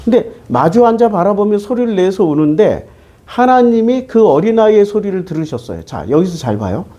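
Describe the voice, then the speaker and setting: A man serving as pastor teaches from the Bible in a sermon, his warm, high voice swinging widely in pitch at a moderate pace. Chatty and conversational, he shifts between polite and casual speech and asks his listeners one question after another.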